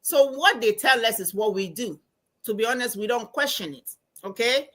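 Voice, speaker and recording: Bright, emphatic Ghanaian woman. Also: on the high side, moderate pace. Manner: animated, emphatic storytelling. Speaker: guest, anthropology professor and financial coach. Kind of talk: casual podcast interview.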